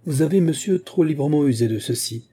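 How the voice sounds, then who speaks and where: A man voicing a proud, cold young gentleman who speaks stiffly and haughtily, pitched above his own voice. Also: expressive, fairly quick, slightly rough. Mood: cold, haughty.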